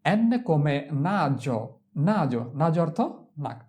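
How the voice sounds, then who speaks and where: A woman with a deep, dark voice teaches the Italian alphabet in a slow lesson, stretching out her words with lively intonation. She spells each word letter by letter and says it three times before explaining what it means.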